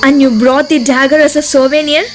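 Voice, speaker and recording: A scheming, bossy noblewoman on an amateur stage, played by a woman. Her voice is fairly high and music plays clearly behind her. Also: fairly even intonation, brisk, natural voice. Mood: brisk, controlling. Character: scheming, controlling noble lady, bossy wife. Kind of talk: amateur stage drama acting.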